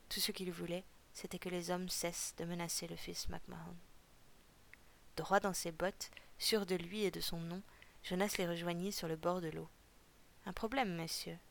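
A woman reading a novel aloud for a podcast in a calm, steady storytelling voice. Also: on the low side, vocal fry. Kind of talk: audiobook reading.

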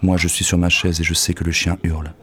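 A bitter, crude lovesick poet. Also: male voice, deep voice, flat delivery, quick pace. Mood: brooding, weary. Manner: gruff, curt and crude; drifts into hushed, half-whispered passages. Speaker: actor in an audio drama. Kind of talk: poetic audio-drama monologue.

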